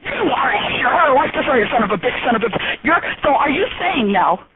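High-pitched ranting older woman, tinny phone. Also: sing-song, fast. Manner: ranting, accusatory, repetitive. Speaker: angry call recipient. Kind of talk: heated phone argument. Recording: tinny, noisy phone line.

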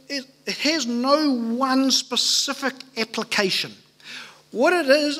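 A man's voice: extremely high pitch, a bit bright. A man preaching a sermon at a pulpit microphone in a church, earnest and emphatic, asking rhetorical questions. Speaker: pastor.

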